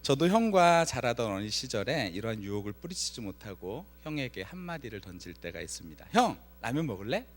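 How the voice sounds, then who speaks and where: Speaking briskly with few pauses, this man has a mid-range voice and there's slight background noise. He's the pastor delivering a Friday night sermon in the church sanctuary, where he tells a story in a lively way, acts out the lines he quotes, and quizzes the congregation.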